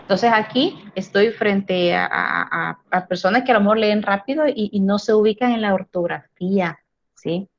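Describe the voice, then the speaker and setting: A woman lectures her philosophy class in a middle-pitched voice. She checks in with her students through frequent tag questions and stumbles over repeated words as she explains. The recording sounds dull and lo-fi. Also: normal speed. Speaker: philosophy teacher.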